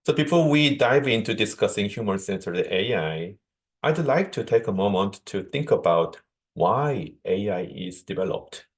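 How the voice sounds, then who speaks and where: A man from South Korea, a native Korean speaker with a Korean accent, giving a measured conference keynote over a video call with small restarts. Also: fairly low pitch, animated. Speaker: guest speaker, associate professor.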